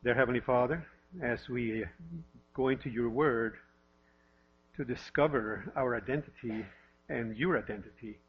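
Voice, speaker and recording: Husky Norwegian-born pastor preaching over a hum. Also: male voice, mid-range voice, moderate pace, long pauses. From Norway. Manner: warm self-deprecating humor, conversational with repeated questions. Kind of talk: sermon. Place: church sanctuary. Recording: lo-fi with mains hum.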